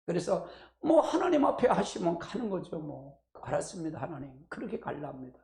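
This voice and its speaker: A middle-aged man preaches at a prayer meeting with a gravelly voice. His pitch swings widely as he prompts the congregation to repeat after him and drifts into personal asides. The sound rings around an echoey church room. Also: sing-song, normal speed, a little mellow. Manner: folksy, call-and-response preaching with asides. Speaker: pastor. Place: church sanctuary.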